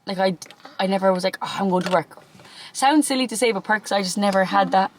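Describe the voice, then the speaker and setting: A young Irish woman in her twenties chats casually and bubbly, rambling with plenty of fillers. Her voice sits in a middle pitch. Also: a little fast, slight background noise, rough recording. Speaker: YouTuber. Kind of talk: casual chat.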